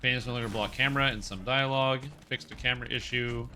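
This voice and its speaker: A man's voice: medium pitch, steady tone, fast talker, sharp tone, a little hiss or hum. A man streaming a game over a headset mic, chatting casually with viewers and reading patch notes aloud. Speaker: livestreamer. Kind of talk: casual gameplay commentary.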